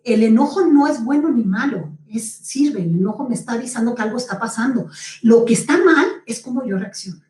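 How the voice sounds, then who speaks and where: A woman's voice: fairly high pitch, a little mellow. Roomy distant woman giving a lecture. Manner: explanatory, addresses audience with frequent check-ins. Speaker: speaker on communication. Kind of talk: lecture on personal development.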